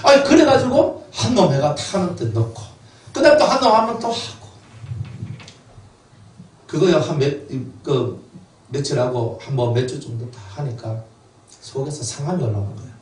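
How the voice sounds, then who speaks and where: A middle-aged man preaches a testimony sermon, his tone fairly high and very animated. He slips into dialect voices to quote family members. The recording is roomy and a bit distant, with faint room ambience behind him. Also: moderate pace, pauses often. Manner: emotional storytelling, dialect quotes. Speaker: pastor.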